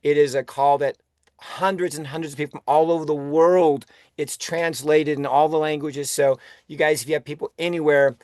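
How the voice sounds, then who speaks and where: Enthusiastic guy hosting a team call, kinda high voice, dry close sound. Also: fairly even intonation, moderate pace, darkish tone, no room sound. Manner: enthusiastic, laughs often, restarts words. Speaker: host of a weekly team call. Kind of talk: upbeat motivational call.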